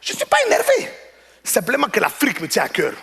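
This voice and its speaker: A pushy, touchy male customer, played by a comedian on stage, lecturing in a raised, swooping, bright voice. He turns indignant at every reply. A long hall reverb and faint noise sit behind him. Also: high-pitched, a little fast, gravelly, voice pushed up, full character voice. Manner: indignant, lecturing, rising to excited outbursts. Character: pushy proud male customer, easily offended. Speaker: character in a stand-up bit. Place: large theater stage.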